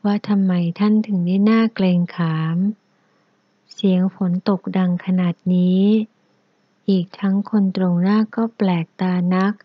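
Woman narrator, steady novel reading; dry, slightly dull audio. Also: mid-range voice, measured pace, no echo. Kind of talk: reading a historical novel aloud.

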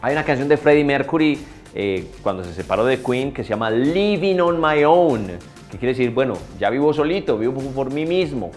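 A man giving a casual video English lesson, upbeat and repeating words slowly for learners. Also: medium pitch, animated, darkish tone, faint music behind. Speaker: English teacher.

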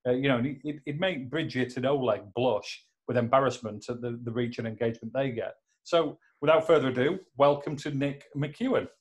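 A man's voice: medium pitch, fairly quick. A man hosting a podcast from his home office, chatting casually and joking as he rambles with many fillers. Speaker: podcast host. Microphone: laptop.

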